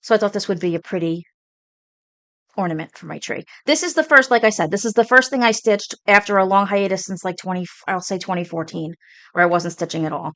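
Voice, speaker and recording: A woman's voice: medium pitch, brisk, no echo. Chatty Brooklyn woman showing her stitching. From Brooklyn, New York. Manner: chatty, rambling, excited about her stitching. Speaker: cross stitch vlogger. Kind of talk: casual show-and-tell chat.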